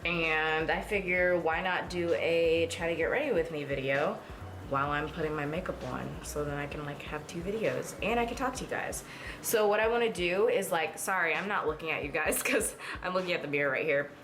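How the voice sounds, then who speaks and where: A woman's voice: low voice, a little fast, background noise. A woman in her twenties chatting casually to her viewers while doing her makeup, rambling with lots of fillers. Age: 20s. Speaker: beauty vlogger. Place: at home in front of a mirror.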